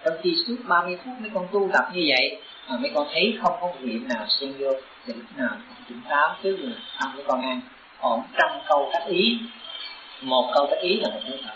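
A man's voice: fairly high pitch, expressive, fairly quick, pushed and bright, slight background noise. A man, a Buddhist teacher giving a sermon to his disciples. He speaks in an earnest, exhorting way and pushes up into urgent emphasis. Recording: roomy, dull lo-fi recording.

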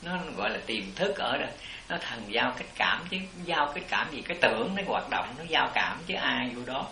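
A man speaks as a Buddhist teacher, his tone bright and forward. He explains in loose, repetitive sentences. The room adds a noticeable echo. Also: mid-range voice, very animated, normal speed, vocal fry. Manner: rambling explanations, repeats "it" constantly. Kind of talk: dharma talk answering disciples.

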